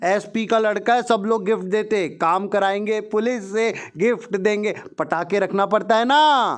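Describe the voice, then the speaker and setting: A male teacher who reads English lines slowly and then explains them in quick, chatty Hindi, addressing students fondly. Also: high voice. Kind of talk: explaining a textbook chapter.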